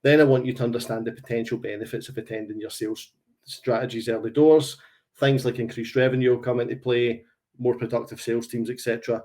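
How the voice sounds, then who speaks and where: A Glaswegian man of about forty, working as a sales consultant, presents a business webinar over a call in a chatty, anecdote-filled style. His mid-range voice is level and a little mellow, and he talks fast.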